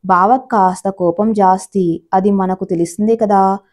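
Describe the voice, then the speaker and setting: A woman's voice: medium pitch, steady tone, a little slow, a little mellow, natural voice. Woman doing a kindly, easygoing older brother. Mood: mild. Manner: mild, matter-of-fact.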